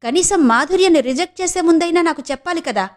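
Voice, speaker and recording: A woman voicing a stern, proud middle-aged mother who scolds her son with sharp questions. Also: extremely high pitch, animated, fast, pitched above the performer's own voice. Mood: scolding.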